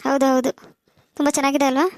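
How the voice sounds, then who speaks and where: A woman's voice: high-pitched, little pitch movement, brisk, dry recording, studio quality. A woman voicing a bossy, sassy teenage girl who bickers with her brother in a cartoon. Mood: chatty. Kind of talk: cartoon voice acting.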